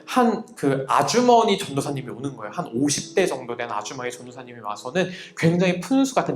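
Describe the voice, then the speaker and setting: A young man, a youth minister, telling a story in a sermon to young people, animated and often laughing as he acts out other people's voices. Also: a little high. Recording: echoey room with faint music. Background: faint music.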